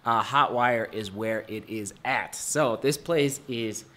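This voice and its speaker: A man's voice: medium pitch, takes it slowly, a bit bright. A man in his thirties vlogging casually to a handheld camera while walking through a hotel, upbeat and chatty. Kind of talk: casual vlog talk to camera. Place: hotel rooms and hallways, indoors. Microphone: handheld camera at arm's length.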